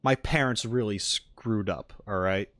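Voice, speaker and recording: On the low side and unhurried, with a fairly bright tone, a man hosts a playful reaction livestream on game content. He chats with viewers in a rambling, jokey way, repeating his points often. The recording is dry.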